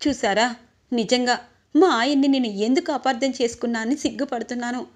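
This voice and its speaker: A woman voicing a fierce young married woman who scolds loudly and indignantly in a storybook retelling. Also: on the high side, a little fast, close to an everyday voice.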